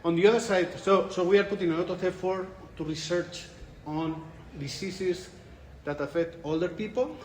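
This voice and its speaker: This interviewed researcher, a man in his forties from Spain, speaks English with a Spanish accent and frequently starts his phrases over as he thinks through his answers. His voice sits high, moving at a moderate pace with few pauses. There's a little hiss or hum, and the room echoes with light ambience.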